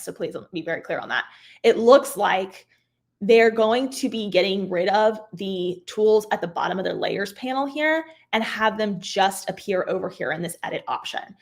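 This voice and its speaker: A woman with a voice she says she is losing, clearing her throat now and then as she casually walks viewers through software changes step by step, with lots of fillers. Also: mid-range voice. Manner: chatty, filler-heavy, explains step by step. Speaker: craft software instructor, livestream host. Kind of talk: casual live software tutorial.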